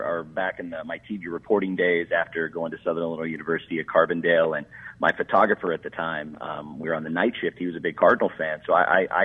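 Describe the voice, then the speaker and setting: Deep husky man over a phone line. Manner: warm reminiscing with many uhs. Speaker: co-host, former TV reporter. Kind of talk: interview questions, reminiscing.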